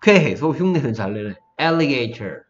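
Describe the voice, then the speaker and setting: A man's voice: fairly high pitch, animated. Male pronunciation tutor, one-on-one, drills sounds over and over, lo-fi recording. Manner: drills sounds slowly, then faster, asks the student to repeat. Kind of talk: one-on-one phonics lesson. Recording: dull, lo-fi sound.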